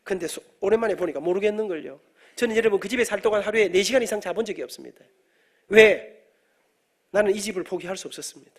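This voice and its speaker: A middle-aged man, preaching an animated storytelling sermon in a church and joking with the congregation. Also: high-pitched, fast talker. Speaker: guest preacher, professor. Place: church sanctuary.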